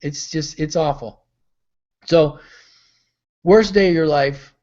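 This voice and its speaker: Taking it slowly, a middle-aged man with a somewhat high, mellow voice gives a motivational mentoring talk on a call. A pastor and mentor, he tells stories and acts out their voices, and the lo-fi audio sounds dull.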